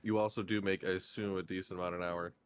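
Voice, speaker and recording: A man's voice: low voice, level tone, fast, clean tone, no room sound. A man chatting on a voice call, hesitant and laid-back, often restarting his sentences. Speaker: friend on voice chat. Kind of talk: casual voice-chat conversation.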